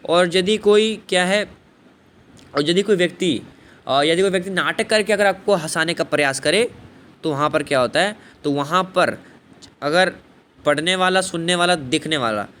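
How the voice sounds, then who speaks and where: A man's voice: fairly high pitch, fairly bright tone, clear, resonant tone. A man teaching a poetry lesson, repeating himself, asking and answering his own questions, with frequent fillers of "thik hai" and "bhai". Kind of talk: explaining a Hindi poetry lesson. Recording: faint background noise.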